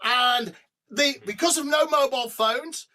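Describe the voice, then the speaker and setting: A middle-aged man, a rock singer guest on a podcast, telling animated stories over a remote call. He swears freely and breaks into humming and sung snippets. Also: very high-pitched, a little slow. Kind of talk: storytelling in a podcast interview.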